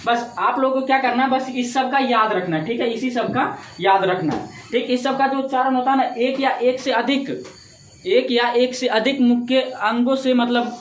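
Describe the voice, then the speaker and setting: A man's voice: very high voice, normal speed. Echoey male teacher quizzing himself. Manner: asks questions and answers them himself, repetitive. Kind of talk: classroom-style Hindi grammar lesson. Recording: echoey room with faint ambient noise.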